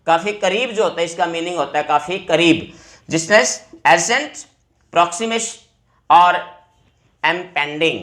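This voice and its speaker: A male teacher explaining vocabulary words to exam students, repeating each word slowly. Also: a little high, a bit bright.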